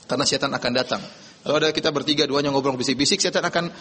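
A man giving a religious lecture, animated, asking rhetorical questions and reciting Arabic quotations before explaining them. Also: mid-range voice, racing, big-room sound, slight background noise. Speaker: preacher.

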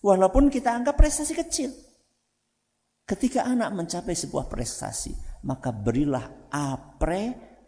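Javanese ustaz preaching to parents, fairly high voice, swings up and down a lot, big echoey hall. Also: male voice, normal speed. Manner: animated, asks the audience rhetorical questions, slips into Javanese. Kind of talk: religious talk to parents. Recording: reverberant hall.

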